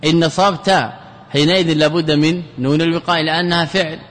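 A man, a scholar giving a traditional lecture on Arabic grammar, speaking deliberately, repeating key words and checking that students follow. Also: a little high, fairly even intonation, fairly bright tone. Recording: long hall reverb.

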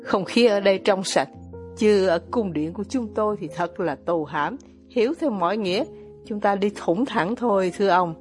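A woman's voice: mid-range voice, normal speed, a little mellow, soft background music, natural voice. Woman reading as a bitter, poor old ex-officer. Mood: bitter, ironic. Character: poor, bitter older male ex-officer, ironic. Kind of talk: audiobook character reading.

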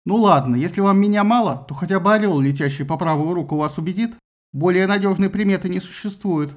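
A man voicing a glib, fast-talking messenger god who speaks flippantly. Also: high-pitched, lo-fi sound, pitched above the performer's own voice, close to an everyday voice. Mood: offended. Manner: brisk, flippant, talks quickly.

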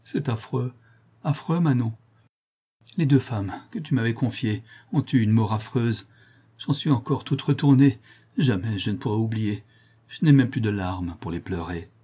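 A man's voice: lowish voice, lively intonation, normal speed, warm tone, breathy edge. A man reading aloud and voicing a distraught young nun, broken and ashamed, with anguished, pleading speech.

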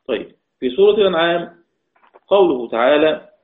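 A man's voice: a little high, lively intonation. Male Quran teacher, repeats and quizzes, chanted verse quotes, phone-like sound. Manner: slow, repeats verse lines and quiz questions to students. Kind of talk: recorded online lesson. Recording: tinny phone-like audio.

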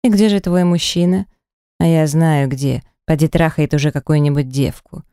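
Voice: medium pitch, fairly even intonation, normal speed, mellow, clean tone, no room sound, studio quality, natural voice. A narrator voicing a drunk, insolent rich young man who sneers and mocks, in an audiobook. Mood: mocking. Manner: sneering, mocking, slurred. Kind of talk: audiobook character voice.

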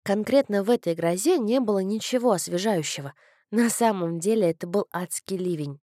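A woman reads a novel aloud in the first person, with a wry, ironic touch. Her voice sits at an ordinary middle pitch. The recording is dry and close, with no room echo. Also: fairly quick, warm tone. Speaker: audiobook narrator. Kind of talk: scripted first-person narration.

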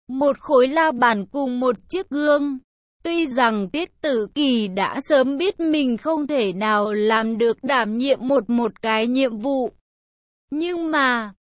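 Giọng nữ cao đọc truyện chậm rãi. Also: female voice, high voice, no room sound. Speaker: audiobook narrator. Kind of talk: scripted narration.

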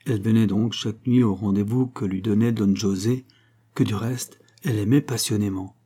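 A man narrating a classic novel as an audiobook in a measured, steady storytelling manner. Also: lowish voice. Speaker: audiobook reader.

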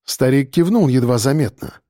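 A man reading a story aloud as narrator in a measured, even manner. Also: medium pitch, no echo, clean studio sound. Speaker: audiobook narrator. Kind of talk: scripted narration.

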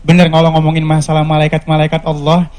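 A man's voice: a little high, monotone, quick pace, a little mellow. A man, a member of the congregation telling a story to the preacher in a chatty, eager way. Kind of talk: casual chat on stage. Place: large religious gathering.

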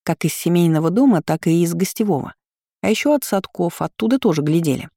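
Woman reading an audiobook, mellow dark voice, dry close mic. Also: lowish voice, animated, brisk, creaky, dry recording. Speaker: audiobook reader. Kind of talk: scripted narration.

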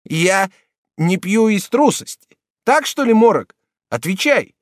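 A man's voice: normal speed, no echo, clean studio sound, close to an everyday voice. Man doing a furious, reckless drinker. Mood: angry defiant. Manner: shouting, high and strained. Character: drunk, desperate man turning reckless and defiant.

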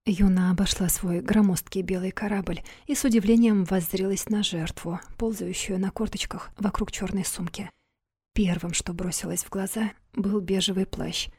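A woman's voice: mid-range voice, fairly even intonation, moderate pace, dark tone, slightly rough, no echo, clean studio sound. A woman narrating an audiobook in a wry, confiding storytelling manner. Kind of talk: scripted narration.

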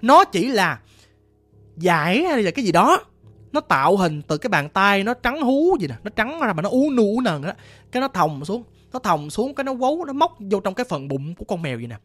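A woman's voice: mid-range voice, very animated, a little fast, faint music behind. A woman telling a first-person ghost story in a chatty way, speaking directly to her listeners.

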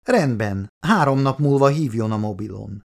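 A man narrating as a composed bank president who speaks in a measured, businesslike way, low-key and gravelly in an audiobook reading. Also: lively intonation. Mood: firm.

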